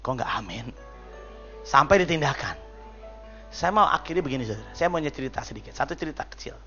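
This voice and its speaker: A man preaching a sermon as pastor, lively and chatty, joking and calling out to the congregation. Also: mid-range voice, a little fast, lo-fi sound, soft background music.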